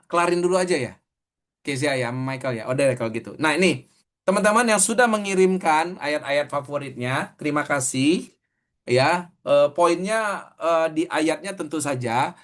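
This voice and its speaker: A middle-aged man, preaching a sermon in a conversational way, telling a story and acting out the quoted dialogue. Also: a little high.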